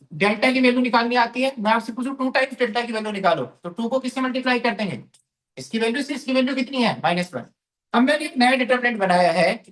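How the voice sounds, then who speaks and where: This male math teacher has a very high, somewhat bright voice and lectures students in a classroom with a board. Calling them "beta", he repeats phrases and asks questions only to answer them himself.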